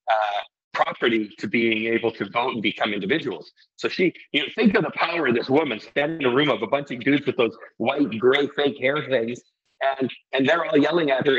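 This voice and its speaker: A man's voice: medium pitch, a bit bright, slightly rough, dull audio. A middle-aged man from Iceland who owns a restaurant and brewery, talking casually in an interview, rambling and earnest with many restarts.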